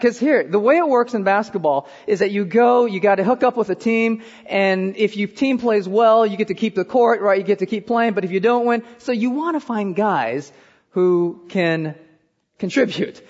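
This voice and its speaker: Pastor, man in his 30s, high voice, sermon with animated self-deprecating asides, dull roomy hall sound. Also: moderate pace. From born in Korea, raised in Iowa.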